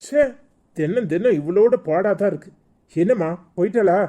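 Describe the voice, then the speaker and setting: A man's voice: high voice, expressive, normal speed, dark tone. A man voicing a short-tempered, exasperated office boss in a cartoon, with a Tirunelveli Tamil accent and a scolding, fed-up way of talking.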